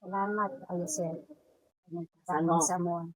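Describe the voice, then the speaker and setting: A woman's voice: fairly low pitch, fairly even intonation, a little slow, no echo, rough recording. A woman, mother of a sponsored student, giving chatty thanks to the sponsors. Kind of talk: casual thank-you.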